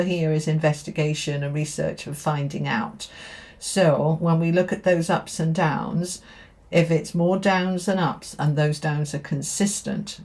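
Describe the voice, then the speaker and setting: Woman, low pitch, tarot reader, direct address, emphatic and affirming, repeated phrases. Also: a little mellow. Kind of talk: spoken tarot reading to viewers.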